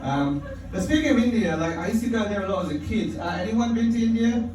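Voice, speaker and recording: A London man performs stand-up on an indoor comedy club stage, wry and profane, chuckling at his own jokes. His voice is high-pitched and animated, and he talks quickly. The club audio is echoey and distant, with crowd noise.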